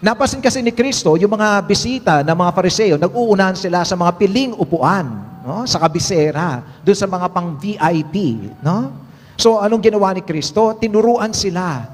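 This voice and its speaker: High-voiced priest in an echoing hall. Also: male voice, normal speed. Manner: engages the congregation with frequent "right?" tags. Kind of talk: homily. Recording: long hall reverb.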